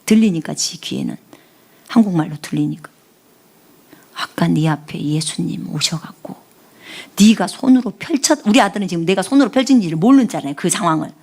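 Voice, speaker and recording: Animated Korean woman preaching, gravelly edge. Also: lowish voice, a little fast. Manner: animated storytelling, often dropping to a whisper when quoting prayers. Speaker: missionary preacher. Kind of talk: live-streamed sermon with personal testimony.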